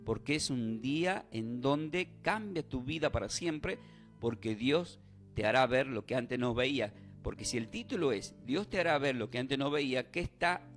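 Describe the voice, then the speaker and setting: Man preaching over faint music. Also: medium pitch. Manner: preaches with call-and-response, asks rhetorical questions. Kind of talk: sermon.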